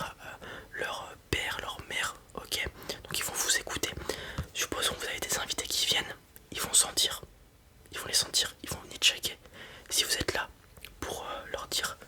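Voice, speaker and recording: Here the performer, again a comforting fantasy dragon breeder in an ASMR roleplay, gives a lightly acted, breathy whisper. The informal explanations carry slight hesitations, and the mood is reassuring and instructive.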